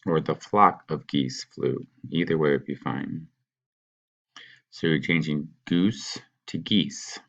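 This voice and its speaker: A man teaching, patiently talking students through a worksheet and sounding out words slowly. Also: rumbling low, creaky, fairly bright tone, lo-fi sound. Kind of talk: recorded classroom walkthrough.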